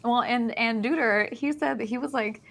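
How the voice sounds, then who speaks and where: A woman's voice: on the high side, moderate pace, gravelly, a bit bright. Chatty woman streamer telling a story. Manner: chatty, many fillers and restarts. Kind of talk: casual storytelling chat.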